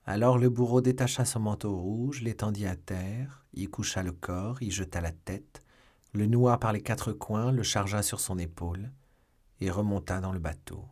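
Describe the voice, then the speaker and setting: A man reading a classic novel aloud in a measured, dramatic style. His voice sits low and has a husky, breathy edge. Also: a little mellow. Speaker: audiobook reader. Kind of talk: scripted audiobook narration.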